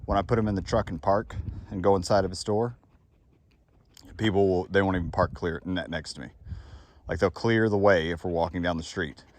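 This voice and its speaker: A man's voice: low-pitched, steady tone, a little fast. A man who trains dogs, giving an unscripted outdoor talk in a casual, blunt, rambling way with lots of fillers. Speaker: dog trainer and kennel owner.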